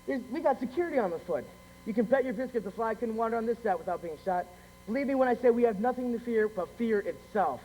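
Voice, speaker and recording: A man's voice: extremely high pitch, lively intonation, quick pace, a little mellow. A school stage actor playing Uncle Mel, a brash showman who gets shot and whines melodramatically about dying. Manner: brash, then whiny and melodramatic. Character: wounded middle-aged male showman, Uncle Mel. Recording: echoey auditorium, faint hum.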